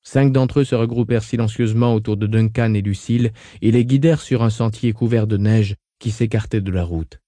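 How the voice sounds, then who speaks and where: A man narrating a novel as an audiobook, reading in a steady, measured way. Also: fairly low pitch, no room sound.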